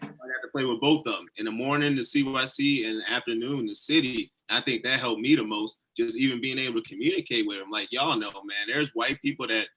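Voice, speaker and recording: A young man from St. Louis, a former college athlete, talking in a relaxed, conversational way in a panel discussion. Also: medium pitch, fairly quick, a little hiss or hum, low-quality recording.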